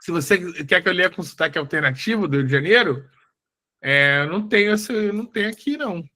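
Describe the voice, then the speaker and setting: Insistent AI chatbot, Carioca accent, a man putting it on, lively pitch. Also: fairly quick. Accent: Carioca Brazilian Portuguese. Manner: insistent, patiently correcting. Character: stubborn know-it-all AI chatbot.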